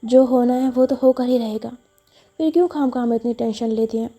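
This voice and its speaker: A woman's voice: a little high, fairly quick, dark tone, soft background music. Woman voicing a teasing young woman. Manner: teasing and coy.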